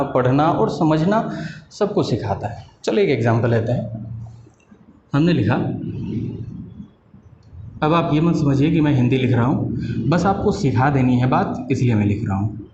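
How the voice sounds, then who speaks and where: A man teaching a patient, explanatory lesson, asking rhetorical questions and slowing down on key terms. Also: medium pitch, lively intonation, mellow, slight background noise. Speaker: English teacher. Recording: echoey room, dull lo-fi sound.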